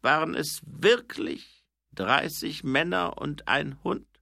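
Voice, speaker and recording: A man voicing an old dwarf king who speaks slowly, high and loud, drawing out his words. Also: animated, gravelly, no room sound, clean studio sound, full character voice. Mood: probing, weary. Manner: slow, high and loud, drawn-out.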